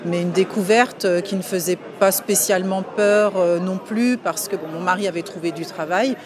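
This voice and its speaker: A woman's voice: fairly low pitch, moderate pace, crowd noise. A woman in her forties from France, answering interview questions casually and hesitantly, with many filler sounds and restarts. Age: 40s. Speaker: interview guest. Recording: clear outdoor street noise behind.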